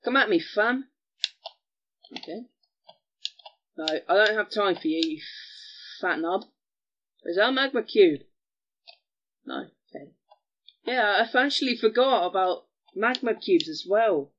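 Excitable guy narrating gameplay. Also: sits high, unhurried, long pauses, muffled recording. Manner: chatty, excitable, mild cursing. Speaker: gaming channel host. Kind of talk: casual gameplay commentary.

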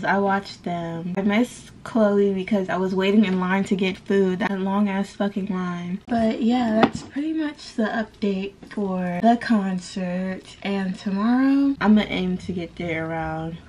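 A woman's voice: medium pitch, measured pace, few pauses, darkish tone, a little hiss or hum, low-quality recording. A young woman telling a story casually to her camera in her bedroom. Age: young adult. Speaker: vlogger. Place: bedroom at home. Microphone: camera at arm's length.

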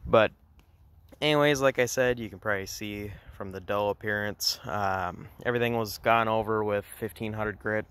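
A man's voice: fairly low pitch, moderate pace, fairly bright tone, clear, resonant tone. A man casually narrating an outdoor car restoration walkaround, rambling with fillers and restarts, filmed on a handheld phone. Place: outdoors on a grassy yard beside a car.

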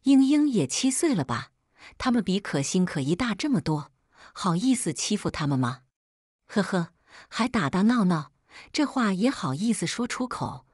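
A woman's voice: mid-range voice, very animated, moderate pace, a little mellow, slightly rough, dry recording, clean studio sound. A woman voicing a young mother who talks back coldly, with sarcastic, cutting remarks. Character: young mother, cold and sharp-tongued.

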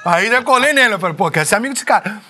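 A man with a Brazilian accent hosting a talk show, telling stories excitedly and swearing freely. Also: high voice, very fast, slight background noise. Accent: Brazilian Portuguese. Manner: excitable, profane storytelling. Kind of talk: casual interview chat.

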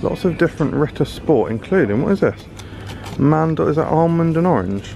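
The speaker is a British male food vlogger from the United Kingdom, curiously discussing products on the shelves as he shops the large indoor supermarket aisles in casual running commentary. His voice is on the high side, warm-toned and creaky, with lively intonation and a moderate pace. Soft music sits in the background.

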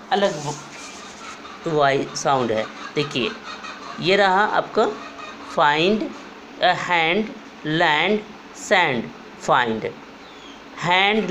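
A woman teacher with an Indian accent explaining a grammar lesson, slowly repeating each word one by one. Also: mid-range voice, a little hiss or hum, rough recording. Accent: Indian English. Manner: slow, patient, repeats words one by one. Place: room with a board.

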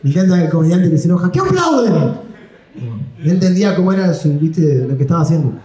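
Young Argentine male comic, rambling self-deprecating storyteller, highish voice. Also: fairly even intonation, rapid-fire, mellow. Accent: Argentine Spanish. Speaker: stand-up comedian. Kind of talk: live stand-up storytelling. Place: comedy stage. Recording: echoey live room.

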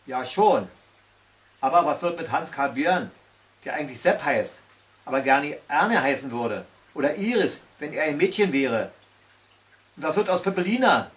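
A man's voice: on the high side, recorded from a distance, lightly acted. A man voicing a small, worried fairy-tale creature who frets and asks questions in a storybook reading.

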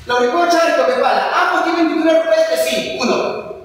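A man's voice: very high voice, normal speed, a bit bright. A man teaching a history class, asking rhetorical questions, answering them himself and repeating key points. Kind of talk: classroom lecture. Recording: echoey hall, voice from far off.

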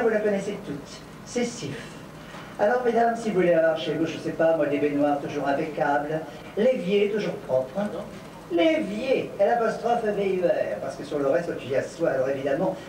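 A man's voice: high-pitched, background noise. A man in drag doing bawdy, theatrical cabaret comedy on stage at a stand mic. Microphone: stand mic, filmed from afar. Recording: echoey far-off home video of a stage.

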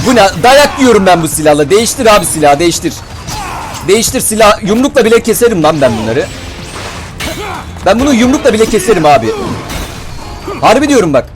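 A young man giving casual gameplay commentary as a channel host, excitable, swearing and shouting when frustrated. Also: high voice, brisk, long pauses, over music.

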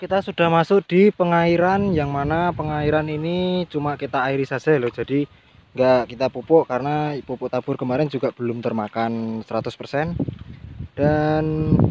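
A man talks casually to his viewers while working a chili field outdoors. His voice sits at an ordinary middle pitch, and a faint hiss of open air lies behind him. He explains farming steps in a relaxed, chatty way. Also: muffled recording. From Central Java, Indonesia. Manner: chatty, addresses viewers as "Lur" often. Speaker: chili farmer vlogger. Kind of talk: casual farming tutorial vlog.

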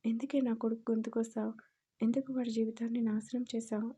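A woman's voice: a little high, flat delivery, brisk, warm tone, slightly rough. Woman voicing an enraged scolding mother-in-law. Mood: furious. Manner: harsh and scolding. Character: furious scolding middle-aged mother-in-law.

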